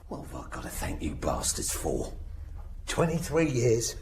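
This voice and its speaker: A bitter released prisoner. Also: male voice, sits low, huge pitch swings, unhurried, creaky, darkish tone, a little hiss or hum, exaggerated voice. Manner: resentful, grumbling. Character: bitter middle-aged man just freed from prison. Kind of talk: radio drama acting.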